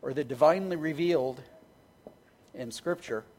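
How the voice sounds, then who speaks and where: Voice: medium pitch, moderate pace, a little mellow. A pastor preaching a sermon in a conversational, earnest way, often restarting words and stacking phrases into lists.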